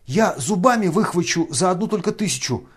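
A man's voice: high voice, lively intonation, a little fast, breathy edge, voice pushed up. A man reading an audiobook who voices a greedy, frantic hanger-on roaring in a frenzy.

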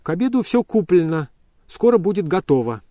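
A man voicing a quick-witted, practical female servant. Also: high-pitched, sing-song, mellow, no room sound, studio quality, voice pushed up. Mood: brisk.

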